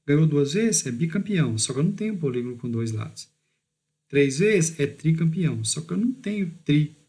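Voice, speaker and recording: Man teaching geometry, mellow voice. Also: on the high side, expressive. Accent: Brazilian Portuguese. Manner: explains step by step, stretching key words slowly; checks in with "beleza?", "tá bom?", "ó". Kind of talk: recorded math lesson over slides.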